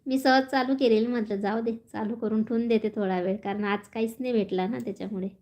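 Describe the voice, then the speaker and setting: A woman's voice: on the high side, steady tone, fast talker, a little mellow. Chatty woman on a phone live stream. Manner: chatty, reads out viewer comments, laughs often. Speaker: vlogger reading live chat. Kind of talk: casual live-stream chat.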